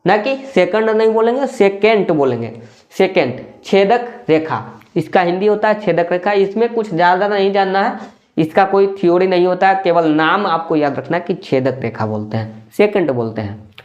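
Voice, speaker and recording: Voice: mid-range voice, lively intonation, normal speed, darkish tone, highs cut off. A maths teacher explaining in a classroom style, repeating key terms, asking rhetorical questions and checking in with short tag questions.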